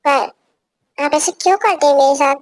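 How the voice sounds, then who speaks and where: A woman's voice: high voice, unhurried, no room sound, low-quality recording. A young woman voicing an innocent, timid young man who pleads in an amateur fan dub. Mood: plaintive. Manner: pleading, plaintive.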